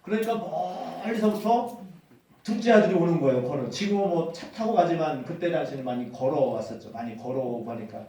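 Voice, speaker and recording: A male pastor preaching a sermon as animated storytelling, acting out the quotes. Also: on the high side, brisk. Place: church hall. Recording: echoey hall from far off.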